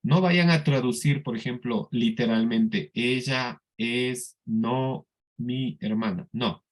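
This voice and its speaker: Slow, patient Colombian Spanish man teaching. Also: mid-range voice. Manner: slow, patient explaining with frequent checks for understanding. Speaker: English teacher. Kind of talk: classroom lesson.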